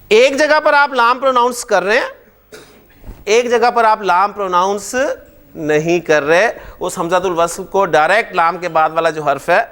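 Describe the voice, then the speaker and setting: In this grammar lesson, an Arabic teacher with a high voice lectures his class with lots of energy. Again and again he pauses to ask the students whether everything is clear.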